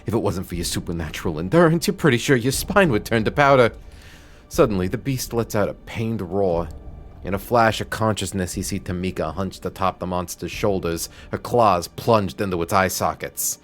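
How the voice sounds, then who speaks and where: A man streaming, reading a visual novel's narration aloud in a steady voice with occasional stumbles. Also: low-pitched, normal speed. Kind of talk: reading game text aloud.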